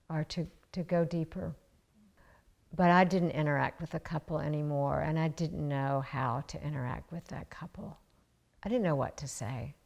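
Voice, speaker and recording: Lowish gravelly woman, adoptive mom, reflective interview anecdote. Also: a little mellow. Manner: reflective, measured with pauses. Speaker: adoptive mother. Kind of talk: interview storytelling.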